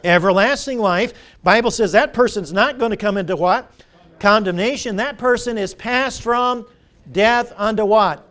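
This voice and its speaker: In church, a middle-aged male preacher with a high-pitched voice hammers home his points through repeated phrases and call-and-response questions to the congregation. He speaks at normal speed with a slightly bright tone.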